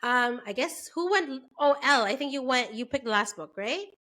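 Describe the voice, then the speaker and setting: A high, bright and forceful voice with lively intonation belongs to a young Canadian woman hosting a relaxed book club podcast at a moderate pace. She laughs a lot and talks loosely, leaning heavily on fillers.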